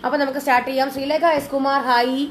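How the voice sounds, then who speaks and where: Female live-sales host, higher register, casual and chatty despite a cold, some background noise. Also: steady tone, very fast. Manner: chatty, mixing in English words. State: has a lingering cold and cough. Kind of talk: casual live sales chat, greeting viewers.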